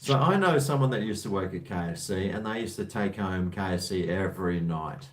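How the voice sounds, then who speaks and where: A man's voice: sits low, lively intonation, brisk, noisy background. An Australian man hosting a call-in chat, joking with callers in a blokey, slangy way. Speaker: host of a live call-in show.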